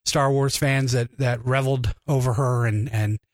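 A man's voice: mid-range voice, fairly even intonation, moderate pace, no echo. A man telling a story as podcast co-host, rambling and self-deprecating, choked up with emotion. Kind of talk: casual storytelling.

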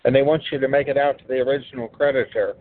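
A man's voice: mid-range voice, fairly even intonation, fast. A man from West Virginia calling into a show, heard over a phone speaker, talking in a plain, informal, matter-of-fact way. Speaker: caller. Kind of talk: casual call-in chat. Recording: tinny speakerphone line.

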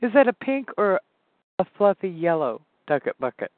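A man's voice: sits high, sing-song, moderate pace, dry recording, phone-quality sound. A man hosting a casual chat, prompting his guest with teasing questions. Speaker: host.

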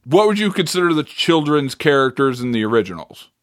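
Man, podcast co-host, casual debate, lively up-and-down voice, slightly high, swears freely. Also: a little fast. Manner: animated, argumentative, swears casually.

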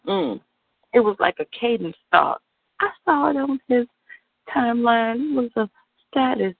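A woman with a stoned, drifting way of talking tells things in a loose monologue. Her voice sits fairly high and is slightly husky. It comes over a thin phone line. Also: animated, unhurried. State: high on weed. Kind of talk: relaxed first-person monologue on a call-in.

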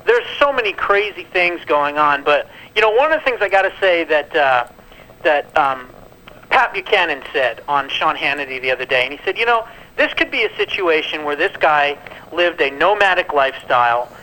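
Bright-voiced man on a landline phone. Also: a little high, expressive, moderate pace, low-quality recording. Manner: rambling, thinking aloud with many fillers. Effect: over a landline phone. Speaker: radio show guest calling in. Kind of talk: talk radio commentary.

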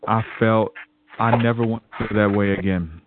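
A man's voice: lowish voice, fairly even intonation, normal speed, noisy background. A man, a podcast guest, telling a personal faith story in a rambling way, often repeating words and restarting sentences. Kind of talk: casual spoken testimony. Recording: tinny phone-like line.

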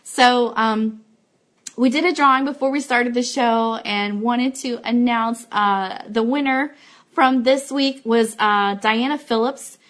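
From an office, a woman hosts a fan live show, chatting informally with viewers as she makes announcements and thanks them. Her voice is fairly high and a bit bright, with a steady tone and a slow pace.

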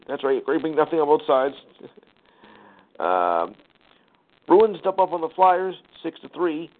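A man's voice: on the high side, lively intonation. A man hosting a sports talk show, reading out scores and standings with casual asides and lots of fillers. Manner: rattles off numbers with fillers, sighs and quick asides. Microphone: phone call line. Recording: tinny phone-line audio.

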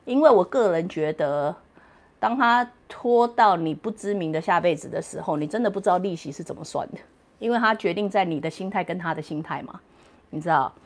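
A chatty woman hosting a relaxed late-night question-and-answer stream from home. She talks playfully, laughs often and slips English words in. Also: lowish voice, fairly quick. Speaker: livestream host answering viewer questions. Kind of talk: casual late-night livestream Q&A.

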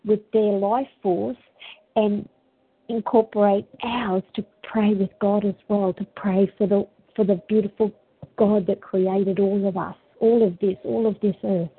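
A woman's voice: medium pitch, steady tone, a little slow, breathy edge. An Australian woman chatting casually and earnestly, reflective, with an earthy, colloquial bush way of talking. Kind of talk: casual heartfelt chat. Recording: tinny phone-line sound.

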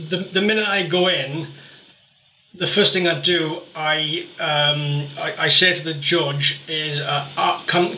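A man heard over a speakerphone on a webcam mic, his voice distant, roomy and tinny with a thin hiss underneath. His voice sits a little high for a man, and he tells his story in a loose, rambling way, often checking in with "right?". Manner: rambling, keeps adding "right?". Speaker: guest. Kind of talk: casual storytelling. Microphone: webcam microphone.

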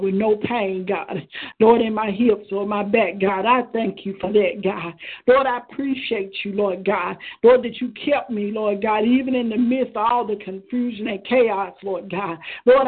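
Fervent praying woman over a tinny phone line. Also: on the high side. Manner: fervent, rhythmic, repeats "Lord God" between phrases. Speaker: prayer leader on a prayer line. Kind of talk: spontaneous intercessory prayer.

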